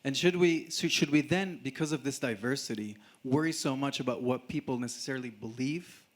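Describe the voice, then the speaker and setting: A man speaks quickly at a medium pitch. He puts questions conversationally, as a participant in a public discussion.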